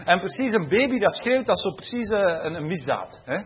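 Preacher, chatty and animated. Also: male voice, high voice, brisk, muffled recording. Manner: conversational and animated, laughing at his own stories, tag questions. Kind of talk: sermon.

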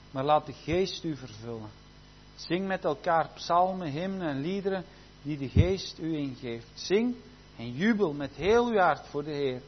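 A man preaching a sermon, often saying amen and hallelujah, shifting between loud fervent exclamations and quiet intimate passages. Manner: peppers speech with amen and hallelujah. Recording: dull low-fidelity recording with faint hum.

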